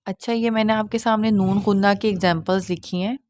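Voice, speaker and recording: A woman's voice: medium pitch, fairly even intonation, darkish tone, no echo. Patient woman teaching nasal recitation. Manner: patient, explains step by step, often asks "theek hai?"; demonstrates nasal sounds slowly. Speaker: Quran tajweed teacher. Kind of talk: online lesson.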